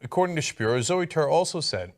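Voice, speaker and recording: A man's voice: on the high side, big pitch swings, fast talker. A man delivering political commentary in a sarcastic, teasing manner.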